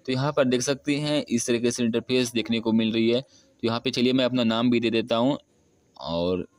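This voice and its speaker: A young man, about twenty, narrates an app screen recording in an unscripted, step-by-step tutorial that tends toward repetition. He has a medium-pitched voice and speaks at normal speed, with no room sound.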